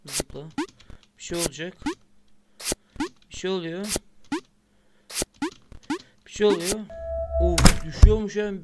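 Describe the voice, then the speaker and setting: A man's voice: high-pitched, takes it slowly, long pauses, heavy background noise. A man giving let's-play commentary on a close-up microphone, muttering along as he plays and bursting out cursing when the game frustrates him. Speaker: gaming channel host. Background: loud game music.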